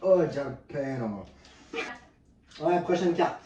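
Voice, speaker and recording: Casting: boisterous Quebec French game host, mid pitch, wildly animated, salty banter, echoey distant mic. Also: slow, dull audio. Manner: boisterous, swearing, exclamatory. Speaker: host of a drinking-game video. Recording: echoey room, distant mic, faint noise.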